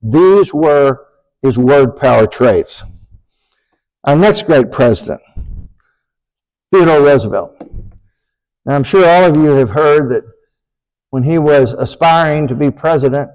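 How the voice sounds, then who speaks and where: A man lecturing to an audience in a room, deliberate and emphatic, slowing down to stress key phrases. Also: on the high side, darkish tone, rough recording. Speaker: speaker giving a talk.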